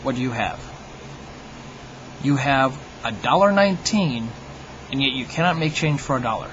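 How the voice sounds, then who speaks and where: A man's voice: mid-range voice, expressive, moderate pace, a bit bright, dull audio, slight background noise. A man hosting his own video, delivering a humorous monologue to viewers in a wry, mock-opinionated, tongue-in-cheek way. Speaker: video host.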